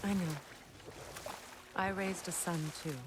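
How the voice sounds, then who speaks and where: An actress playing a wistful middle-aged goddess and mother who speaks in a measured, reflective way. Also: medium pitch, steady tone, close to an everyday voice. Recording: game audio with background noise.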